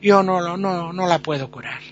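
A man voicing a soft-hearted young doctor who speaks in a regretful, hesitant way. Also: high-pitched, moderate pace, muffled recording, slight background noise, natural voice.

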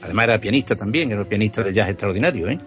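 A man's voice: on the low side, animated, very fast, a bit bright. A man from Extremadura with a Spanish accent, explaining the history behind old songs in casual radio conversation, enthusiastic and explanatory. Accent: Spanish from Spain. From Extremadura, Spain. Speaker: music history contributor. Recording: dull lo-fi sound.

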